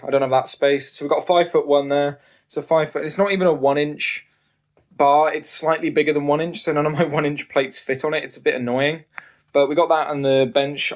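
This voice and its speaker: Chatty young man touring a bedroom gym. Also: mid-range voice. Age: 20s. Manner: chatty and self-deprecating, rambling asides. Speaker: strongman vlogger. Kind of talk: casual home gym tour. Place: small university bedroom, indoors. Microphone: handheld camera, phone at arm's length.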